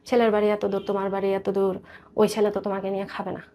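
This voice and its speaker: In a radio interview, a woman with a Bangladeshi accent recounts her life story, earnest and detailed, often circling back over points. Her voice is medium-pitched, dark-toned and monotone, and she speaks fast.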